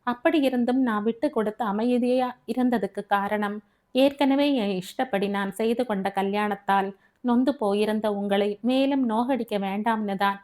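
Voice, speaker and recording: A woman's voice: medium pitch, darkish tone, lightly acted. A woman voicing a heartbroken young married daughter in an audio novel, speaking firmly and with resolve. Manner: firm, pleading.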